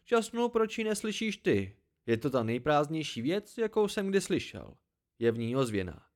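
A man voicing a wise, dryly scornful old hermit in an amateur audiobook reading, slow and emphatic. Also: on the high side, very animated, pitched above the performer's own voice. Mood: lecturing.

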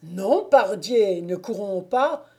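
A stubborn old gamekeeper grumbles about mischief and deviltry in the woods, voiced by a woman reading aloud. He talks in blunt, emphatic bursts with a mellow, warm tone. The reading stays slow and deliberate. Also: mid-range voice, lightly acted. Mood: insistent. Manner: emphatic, gruff exclamations. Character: stubborn older male gamekeeper, blunt and superstitious.

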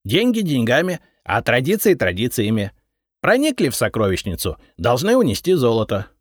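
In an audiobook, a man voices a brash, smug treasure-finder, pitching above his own natural voice into a mid range with wildly swooping inflection at normal speed. Cocky and defiant, the character argues and raises his voice. The recording is a clean studio sound without echo.

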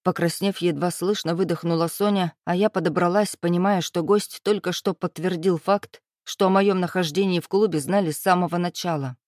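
A woman reading a first-person novel aloud as an audiobook narrator, in a steady, even delivery. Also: lowish voice, fairly quick, few pauses, dry recording, studio quality.

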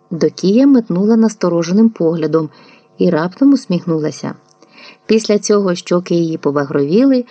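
Жінка читає аудіокнигу спокійно й виважено. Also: female voice, on the low side, dry recording. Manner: calm, measured storytelling. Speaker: audiobook narrator. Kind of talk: literary audiobook reading. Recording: dull lo-fi dry recording.

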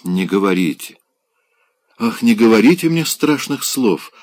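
A man's voice: lowish voice, lively intonation, unhurried, dry recording. A man voicing a passionate, restless married woman in an audiobook, pleading and melodramatic. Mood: desperate pleading.

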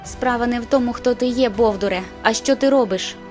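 A woman's voice: brisk, a little mellow, soft background music, lightly acted. A woman voicing an anxious, stubborn young woman in an audiobook, hissing and pleading. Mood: shrill. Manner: hissing, whispering, then shrill.

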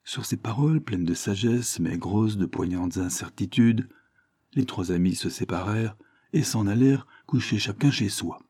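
A man reading a literary short story aloud in a measured, expressive storytelling manner. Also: fairly low pitch, slightly rough, no echo, clean studio sound. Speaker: reader.

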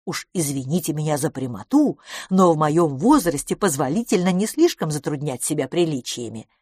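A woman's voice: low voice, very animated, moderate pace, darkish tone, breathy edge, no room sound, studio quality, full character voice. Woman voicing a blunt prim spinster. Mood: stern. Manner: forthright, lecturing.

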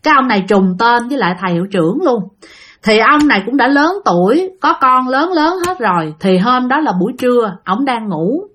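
Southern vietnamese woman telling a ghost story, kinda high voice, talks right to the listeners, lots of little fillers. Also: expressive, a little fast, fairly bright tone. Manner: chatty, addresses listeners directly, frequent fillers. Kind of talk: casual spooky storytelling to listeners.

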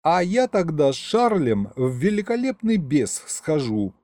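A man's voice: on the high side, big pitch swings, unhurried, a little mellow, no room sound, voice pushed up. A man voicing a prim, romantic young female clerk with a prissy, bookish way of talking. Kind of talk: audiobook character voice.

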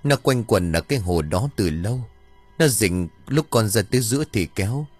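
Một người đàn ông đọc lời hồn ma cậu bé chết đuối nhập vào bà đồng, giọng buồn bã, dặn dò. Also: male voice, on the low side, lively intonation, normal speed, breathy edge, no echo, faint music behind. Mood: sorrowful. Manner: mournful, gently admonishing. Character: drowned boy's ghost speaking through an old woman.

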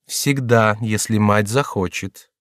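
A man's voice: fairly low pitch, slow pace, fairly bright tone, no echo, clean studio sound. A man reading aloud, voicing a scheming aging queen mother who sounds tender while demanding obedience. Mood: pleading. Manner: falsely tender, imploring tone.

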